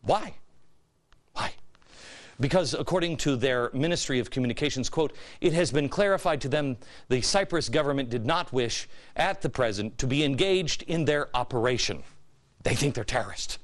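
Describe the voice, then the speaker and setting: A man's voice: mid-range voice, lively intonation, normal speed. An American man hosting a political commentary show, delivering a sarcastic, mock-innocent monologue full of repeated phrases and pointed rhetorical questions.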